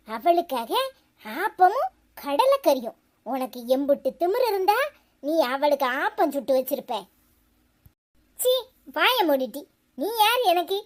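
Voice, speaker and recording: A woman with a Tirunelveli Tamil accent voicing a sharp-tongued older mother in a cartoon, speaking harshly and scolding. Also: high-pitched.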